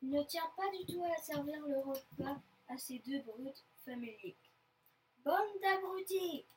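A woman reading a children's story aloud, lively and expressive. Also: sits high, moderate pace, recorded from a distance, a little hiss or hum.

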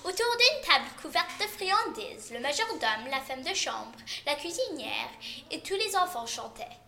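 A woman reading a children's Christmas story aloud, expressively and with varied loudness. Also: high-pitched, big pitch swings, measured pace, vocal fry.

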